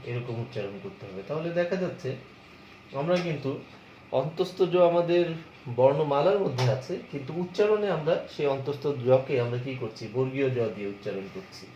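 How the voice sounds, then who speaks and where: A man's voice: mid-range voice, big pitch swings, fairly quick, dark tone, a little hiss or hum. A man from Bangladesh, a college lecturer, explaining step by step and answering his own questions. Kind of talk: lecture on pronunciation. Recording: echoey, muffled room recording.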